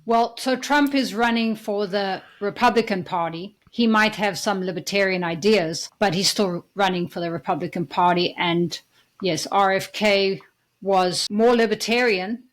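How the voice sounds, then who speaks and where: Female podcast host from Zimbabwe, medium pitch, friendly conversational interviewer. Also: measured pace. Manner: conversational, agreeable. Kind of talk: interview questions and comments.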